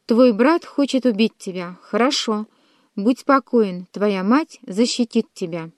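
A woman's voice: medium pitch, animated, darkish tone, no echo, clean studio sound, natural voice. A woman reading a cold, scheming queen mother. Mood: mock tender. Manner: measured and threatening.

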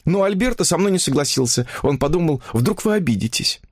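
A man's voice: on the high side, lively intonation, brisk, darkish tone, husky, no room sound, clean studio sound, voice pushed up. Man putting on a gushing young woman.

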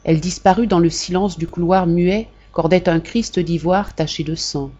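A woman's voice: fairly low pitch, normal speed, warm tone. Woman reading an audiobook, lo-fi sound. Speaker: audiobook reader. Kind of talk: scripted narration.

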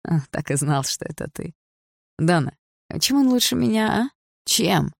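A woman's voice: lowish voice, lively intonation, normal speed, vocal fry, no echo, studio quality. A woman voicing a pushy, jealous young man who speaks coldly and insistently. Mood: menacing. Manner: cold and insistent.

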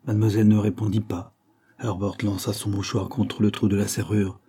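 A man reads a classic novel aloud as a narrator, in a measured and even manner. His voice is low, dark and husky. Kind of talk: audiobook reading of a classic novel.

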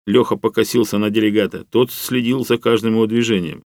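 A man's voice: on the low side, level tone, brisk, a little mellow, no room sound. Male audiobook narrator, dry sound. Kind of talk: scripted narration.

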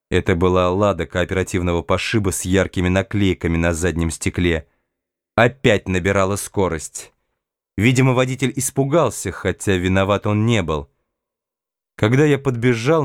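Calm low-voiced male audiobook narrator. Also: no room sound, studio quality. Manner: measured, calm literary reading.

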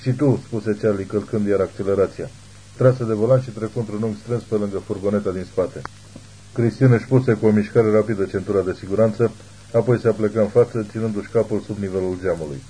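A man narrating an audiobook in a steady, measured reading. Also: lowish voice, slight background noise, poor audio. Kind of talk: scripted narration.

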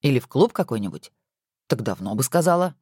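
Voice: medium pitch, big pitch swings, brisk, darkish tone, breathy edge, no echo, studio quality. A reader voicing a good-natured husband who banters playfully with his wife, in a storybook reading.

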